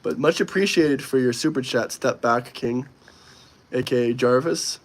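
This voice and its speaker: Here a young livestream host, slightly ill, gives casual, straightforward replies to comments from his viewers. His pitch is medium and his pace moderate.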